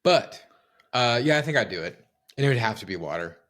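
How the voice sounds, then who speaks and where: A man's voice: medium pitch, lively intonation, fairly quick, fairly bright tone. A man co-hosting a podcast in casual chat, swearing and sarcastic, thinking aloud with lots of restarts. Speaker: podcast co-host.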